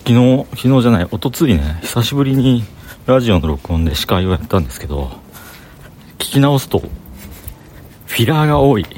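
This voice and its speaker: A vlogger with a Banshu (Himeji) Kansai accent rambles casually to himself while walking outdoors through city streets, talking to the camera and thinking aloud. His mid-range voice is very animated, brisk and a little mellow, broken by long pauses. There's a slight hiss or hum in the audio.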